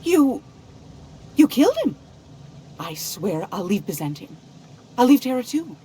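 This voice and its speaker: A woman's voice: fairly low pitch, big pitch swings, normal speed, mellow, a little hiss or hum. An actress playing a frightened, nervously pleading young woman in a video game. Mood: terrified, pleading. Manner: nervous, pleading, stammering informant.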